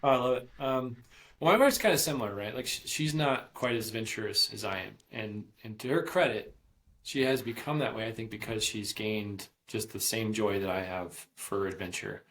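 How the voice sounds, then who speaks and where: A man's voice: lowish voice, moderate pace, a bit bright. A man in his thirties, a podcast guest, telling a long travel story in a chatty, rambling way with many fillers and restarts. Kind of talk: casual storytelling interview.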